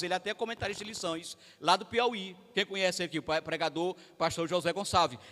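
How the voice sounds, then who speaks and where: Brazilian preacher guy, high voice, bright, chatting right at the church, echoey hall. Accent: Brazilian Portuguese. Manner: conversational, addresses the congregation directly. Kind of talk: family service teaching.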